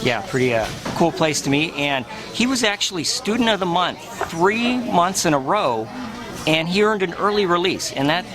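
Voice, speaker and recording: Deadpan man in his forties. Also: high-pitched, moderate pace, music in the background. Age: 40s. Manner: laid-back, deadpan storytelling. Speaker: interviewee.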